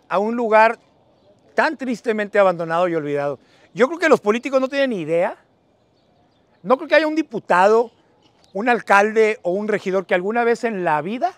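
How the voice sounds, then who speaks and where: A middle-aged man with a northern Mexican accent campaigns on a dusty neighborhood street, chatting in affectionate slang and calling out to passers-by. His voice is high-pitched and fairly bright, with no echo. It was captured as a noisy phone video by someone standing a few meters away.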